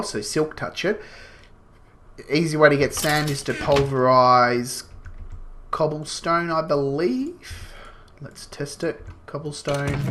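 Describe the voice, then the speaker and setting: A gaming channel host with a slight cold sniffles through casual, rambling gameplay commentary, explaining as he goes and using many fillers. His medium-pitched voice is a bit bright, and there's a little hiss or hum in the audio.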